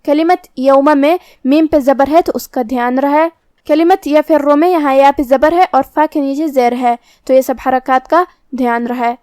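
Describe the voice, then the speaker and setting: A woman's voice: high-pitched, darkish tone, no room sound, clean studio sound. A woman teaching Quran recitation rules, explaining each letter and pronunciation step by step in a patient, methodical way. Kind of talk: tajweed lesson with slow recitation.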